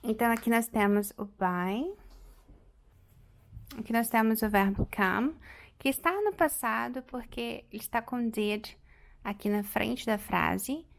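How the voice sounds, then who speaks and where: Woman teacher, 30s, slightly high, gravelly, patient step-by-step explainer. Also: slight background noise. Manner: explains step by step, repeats English phrases slowly. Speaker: English teacher. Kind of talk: online vocabulary lesson.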